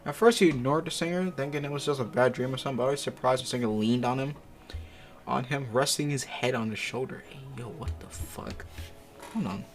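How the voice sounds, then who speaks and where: Speaking fairly quickly in a mid-range voice, a man casually reads amateur fiction over background music. He repeatedly cuts away for profane, slangy commentary expressing disbelief.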